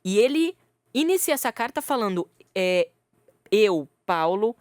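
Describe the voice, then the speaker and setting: In a radio studio, a woman co-hosts a podcast with a casual, laughter-filled Bible study chat. Her mid-range voice is sing-song and darkish in tone, at a measured pace. The recording is dry and clean, with studio quality.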